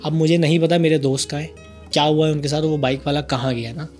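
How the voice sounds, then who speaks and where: A man from Karachi, hosting a podcast and telling a childhood story in a lively, animated way. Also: on the high side, fast, faint music behind. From Karachi, Pakistan. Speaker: podcast host. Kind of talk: casual storytelling chat.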